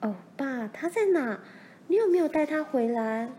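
A woman voicing an eager young pioneer girl, speaking high and pleading. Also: animated, normal speed, mellow, a little hiss or hum.

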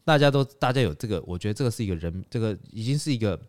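Guy on a podcast, rattling through a story fast, lowish voice, acts out the quotes. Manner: animated, retells scenes with acted quotes. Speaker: podcast co-host. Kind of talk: casual storytelling chat.

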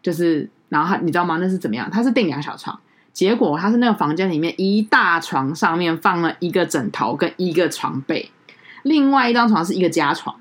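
Brief: woman podcast co-host, low and quick, animated storyteller. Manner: animated storyteller, acts out quoted people. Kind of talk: casual chat.

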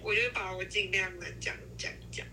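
A woman's voice: mid-range voice, little pitch movement, normal speed, pushed and bright. A young woman talking casually as a podcast co-host, sharing personal anecdotes in an informal conversational way. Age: young adult. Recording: faint background noise.

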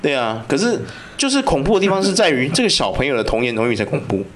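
A podcast host with a medium-pitched voice talks fast, telling ghost stories in loose, profane chatter. He's animated and keeps checking in with "you know?" to see if the listener is following.

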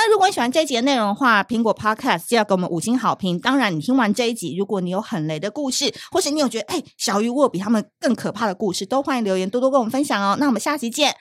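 A woman with a Taiwanese Mandarin accent hosting a podcast, chatting casually and reacting loudly with exclamations. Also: mid-range voice, dry recording, clean studio sound. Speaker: podcast host. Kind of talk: casual chat.

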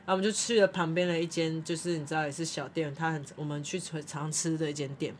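A young woman rattles off stories at a quick clip, her voice sitting fairly low for a woman. She laughs often as she tells animated anecdotes in a casual chat. A faint hiss of background noise sits under the voice. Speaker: podcast co-host.

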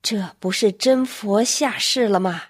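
A woman voicing a solemn father who speaks slowly and deliberately, read within a spoken story. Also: medium pitch, dry recording, studio quality, close to an everyday voice. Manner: slow and deliberate.

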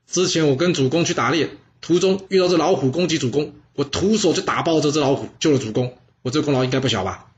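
A man's voice: fairly high pitch, quick pace, few pauses, close to an everyday voice. A man voicing an ancient warrior who boasts of killing a tiger and later mourns a fallen comrade. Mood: boastful. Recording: dull lo-fi sound.

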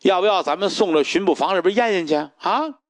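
A male storyteller voicing a bold, quick-witted young married woman who speaks pointedly. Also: high-pitched, animated, dry recording. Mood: challenging.

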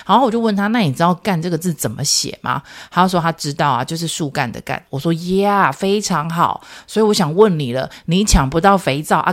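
A woman in her thirties with a Taiwanese Mandarin accent, hosting a parenting podcast and telling a story in a chatty way, acting out her talks with her child. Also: on the low side. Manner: animated, acts out conversations with her child; chatty, frequent filler particles. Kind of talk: casual storytelling monologue.

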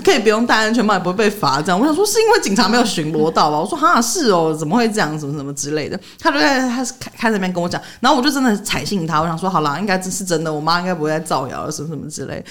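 Woman, podcast co-host, fast, very animated storytelling. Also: lowish voice. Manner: animated storytelling, laughing often. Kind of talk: casual chat.

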